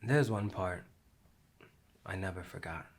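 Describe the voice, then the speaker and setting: Low-voiced man, reflective stage monologue. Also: creaky. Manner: slow, reflective, sinks to a near whisper. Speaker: actor performing a monologue. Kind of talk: theatrical monologue.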